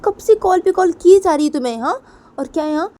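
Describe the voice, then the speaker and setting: A woman voicing an angry young woman on the phone who demands answers with loud repeated questions. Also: extremely high pitch, lively intonation, a little fast, pitched above the performer's own voice. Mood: demanding.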